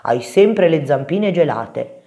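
A woman's voice: sits low, expressive, slow, mellow, full character voice. A woman voicing a big, sleepy father mouse who answers firmly and wearily. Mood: weary, firm. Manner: firm, weary, dismissive.

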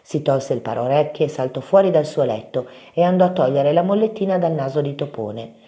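A woman preschool teacher reading a bedtime story aloud to children, gentle and expressive. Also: low voice, fairly quick.

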